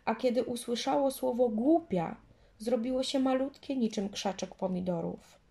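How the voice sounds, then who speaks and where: Gentle woman reading a children's story. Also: a little high, normal speed, gravelly.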